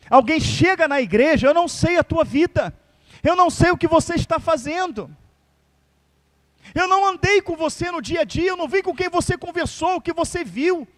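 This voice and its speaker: A man's voice: very high voice, a bit bright. A man with a Brazilian accent, a pastor preaching a fervent live sermon directly to his church congregation. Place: church service.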